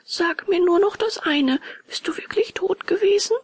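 A woman voicing an excitable young wooden puppet boy in a storybook reading, high and often whispered. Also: normal speed, no room sound. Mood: pleading.

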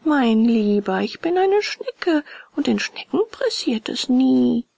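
A placid female snail from a storybook drawls each word at a crawl, played by a woman reading aloud. The voice is lifted and a little raspy, with lively swoops. It sounds dry and close. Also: sits high, dry recording, pitched above the performer's own voice, exaggerated voice. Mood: unhurried. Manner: very slow and drawn out. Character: slow, unhurried giant snail servant, female.

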